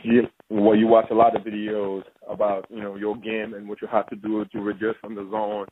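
A young man from Senegal, a former basketball player, talking as a phone-in guest in a halting way with frequent restarts. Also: on the low side, monotone, husky, no echo. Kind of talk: casual phone interview. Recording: tinny phone line with faint hiss.

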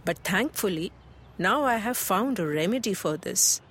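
A woman's voice: mid-range voice, animated, moderate pace, fairly bright tone, breathy edge. A woman with an Indian accent playing a helpful, health-conscious mother in a scripted chat, instructive and mixing Hindi into English. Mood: chatty, helpful. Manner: chatty, instructive, Hindi-English code-switching. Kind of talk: scripted conversational dialogue. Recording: music bed under the voice.

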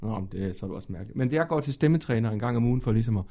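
A man who is a comedian guest on a podcast, telling stories in a lively way, often laughing, his voice sore and strained. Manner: lively storyteller, laughs often, pitch leaps up. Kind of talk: casual podcast chat.

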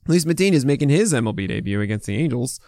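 A man's voice: medium pitch, animated, very fast, dark tone, no echo, clean studio sound. An American man hosting a fantasy baseball podcast, talking with a swollen mouth in casual, opinionated, unscripted commentary full of asides.

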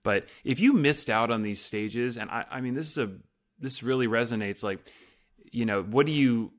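Speaking at a moderate pace in a mid-range voice, this podcast host is a man in his thirties. In a relaxed interview, his questions run long and wander, full of filler words.

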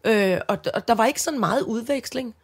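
A woman's voice: on the high side, vocal fry, husky. A Danish woman co-hosting a podcast, talking earnestly in casual chat with frequent restarts and fillers. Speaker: podcast co-host.

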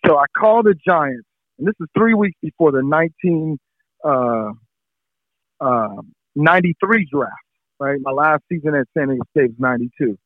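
A man's voice: on the high side, moderate pace, dry recording. A middle-aged man, a former pro football player, telling stories in a casual interview and acting out the people in them. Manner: animated, acts out the people in his story. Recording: tinny phone-like line, dry.

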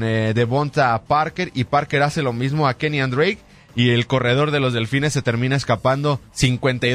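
A man hosting a sports radio show, giving a brisk rundown of results and interviewing a guest. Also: mid-range voice.

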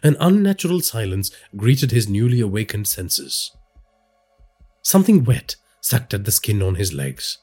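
Husky male horror narrator. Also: lowish voice, measured pace, faint music behind. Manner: dramatic storytelling with lively inflection.

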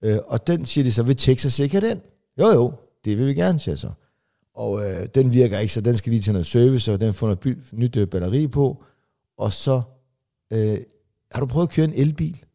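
A comedian co-hosting a podcast, telling rambling family anecdotes full of fillers and restarts. He briefly acts out relatives in quick, raised voices. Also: mid-range voice, animated, gravelly, dark tone. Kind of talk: casual chat, storytelling.

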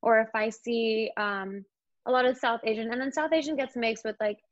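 Chatting casually about her work as an actor, a young woman from India fills her speech with "like." Her voice is a little high at a normal pace, free of room sound, though the recording is slightly dull and lo-fi.

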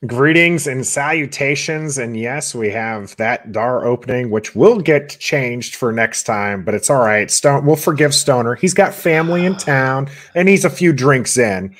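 A man's voice: mid-range voice, measured pace, hardly any pauses, a bit bright. Chatty male sports podcast host. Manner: chatty, rambling with fillers. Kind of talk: casual sports talk show.

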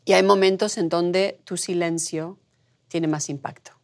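A woman's voice: fairly low pitch, measured pace. Argentine lady guest, middle-aged, tells stories with lots of swing in her voice. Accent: Argentine Spanish. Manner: animated storyteller, acts out quoted voices. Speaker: guest, producer. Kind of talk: conversational interview.

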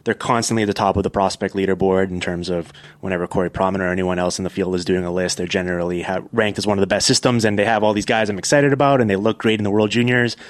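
A man hosting a casual sports podcast chat, talking quickly with lots of filler words. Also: low-pitched, fairly even intonation, no echo. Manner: fast, chatty, filler-heavy. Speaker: podcast host.

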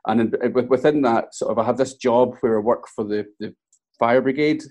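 A man's voice: mid-range voice, moderate pace, a little mellow. A middle-aged man with a broad Scottish accent, chatting casually as an interview guest. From Scotland. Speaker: interview guest, scientist and kayaking coach.

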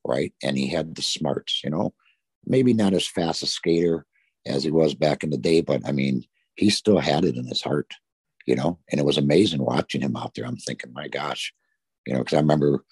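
A man's voice: rumbling low, normal speed, darkish tone, slightly rough, no echo. A middle-aged man, a former hockey player from the Detroit area, tells long rambling stories in an interview, full of "you know". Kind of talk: storytelling in an interview.

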